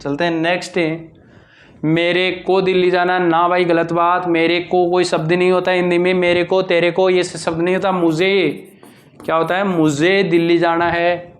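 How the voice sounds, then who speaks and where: A man's voice: high-pitched, flat delivery, moderate pace. A male teacher giving an exam-prep grammar lesson, with a lilt, drilling answers and asking and answering his own questions.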